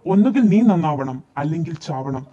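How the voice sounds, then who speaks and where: A man voicing a harsh, furious older woman who heads the family, scolding at a shout with a raised pitch. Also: lively intonation, moderate pace. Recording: dull lo-fi recording, faint music behind.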